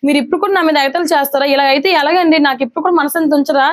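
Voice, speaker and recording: A woman's voice: high-pitched, fairly even intonation, very fast. A woman retelling a TV serial episode in a casual recap, acting out the characters' lines as she goes.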